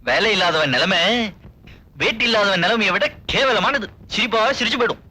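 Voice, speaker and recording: An actor playing a cheeky, penny-pinching young suitor without a job, bantering playfully in 1980s film dialogue. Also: male voice, high voice, lively intonation, a little fast, bright, forceful tone, full character voice. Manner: playful, bantering, laughs often. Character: young jobless lover, cheeky and stingy.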